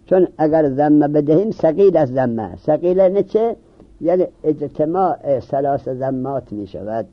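A man teaching a seminary-style grammar class. His voice sits a little high, and he keeps asking questions and then answering them. The recording is muffled and lo-fi. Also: animated. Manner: questions students and answers himself. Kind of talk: classroom lecture on Arabic grammar. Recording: dull lo-fi recording.

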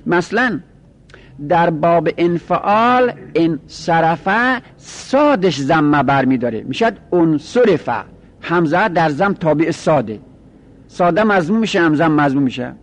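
A man's voice: on the high side, expressive. A man teaching a lesson, working through each rule step by step and repeating it. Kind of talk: lecturing on Arabic grammar.

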